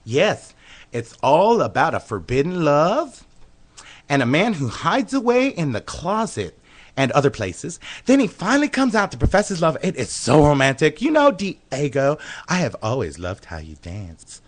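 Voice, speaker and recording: A man's voice: on the high side, huge pitch swings, normal speed. A man playing a flamboyant, flirtatious male dance instructor who gushes giddily, in a comedy radio sketch. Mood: giddy. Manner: gushing, giddy and flirtatious.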